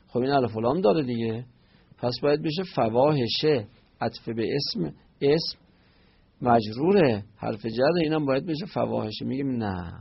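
A man's voice: mid-range voice, breathy edge, highs cut off. A man teaching a grammar lesson, explaining step by step and raising questions, then answering them himself. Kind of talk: Arabic grammar lesson on Quranic verses.

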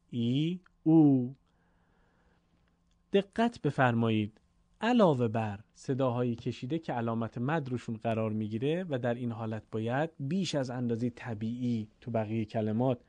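A man teaching a Quran reading lesson, explaining patiently and drawing out his recited examples slowly. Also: medium pitch, dark tone, no echo. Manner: slow, stretched chanted recitation of examples.

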